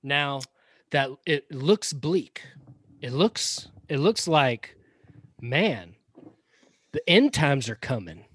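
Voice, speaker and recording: A man's voice: mid-range voice, very animated, very slow, pauses often, fairly bright tone, husky. A man with a Southern accent, co-hosting a podcast and talking casually and opinionatedly, with frequent restarts and asides. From Florida-born, raised in Georgia. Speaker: podcast co-host. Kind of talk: casual conversational commentary.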